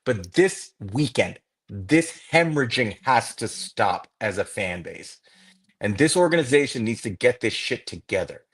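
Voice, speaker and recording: A man co-hosting a fan sports podcast, giving an impassioned, profane rant that builds into angry shouting. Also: medium pitch, animated, a little slow, husky. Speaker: podcast co-host.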